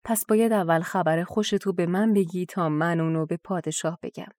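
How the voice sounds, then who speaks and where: A woman's voice: fairly low pitch, steady tone, darkish tone, no room sound, lightly acted. A woman voicing a rude, greedy male palace gatekeeper who threatens and bargains. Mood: gruff. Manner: threatening, blustering.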